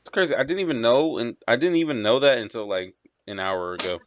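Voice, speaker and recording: A young man co-hosting a podcast, reacting quickly in casual slang-heavy sports chat. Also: medium pitch. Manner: animated, quick reactions, says "bro" a lot. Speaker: podcast co-host.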